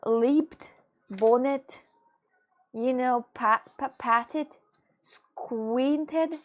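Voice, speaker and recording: Halting, filler-heavy English punctuated by laughter comes from a young female livestreamer whose first language is Russian. She hails from Russia, has a slightly high voice, and is casually chatting with her viewers.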